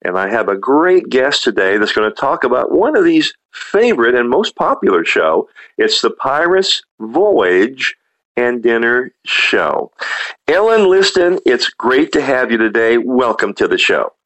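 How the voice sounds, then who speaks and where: A man's voice: mid-range voice, very animated, unhurried, fairly bright tone, rough recording. A man speaking as the host of a radio-style interview show, introducing and questioning a guest.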